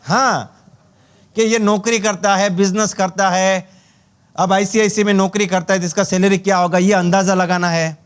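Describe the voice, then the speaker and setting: High-voiced trainer telling stories. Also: male voice, fairly even intonation, normal speed, smooth. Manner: storytelling with acted-out dialogue and chuckles. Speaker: network marketing trainer. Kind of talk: humorous motivational training talk.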